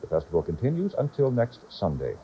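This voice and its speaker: A man anchoring local morning news, reading stories and chatting with colleagues in a smooth newsreader delivery. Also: on the low side, huge pitch swings, fast talker, a little hiss or hum. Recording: dull old broadcast tape.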